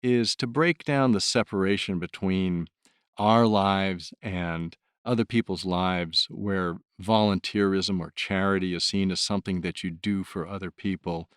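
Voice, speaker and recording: A man's voice: sits low, fairly even intonation, measured pace, clear, resonant tone, dry recording, studio quality. A man who volunteers as an audiobook narrator, talking about his work in a thoughtful, earnest way. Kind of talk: reflective interview talk.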